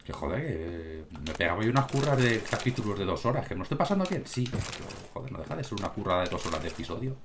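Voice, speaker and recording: With a Spain Spanish accent, this gaming streamer talks quickly and barely pauses, his voice on the low side. He swears freely while casually commenting on gameplay straight to his viewers. It's a home recording from a room with cats, with constant background noise.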